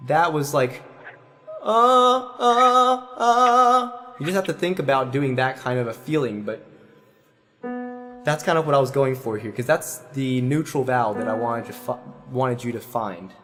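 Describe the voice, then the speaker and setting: A man's voice: mid-range voice, moderate pace, music in the background. A man giving a singing lesson as voice teacher, patiently explaining and singing vowels to show them.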